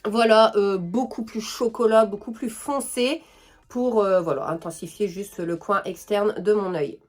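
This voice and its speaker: A woman's voice: medium pitch, unhurried, a little mellow, faint music behind. A young woman with a French accent chatting through a casual makeup tutorial, enthusiastic and full of fillers. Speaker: beauty vlogger.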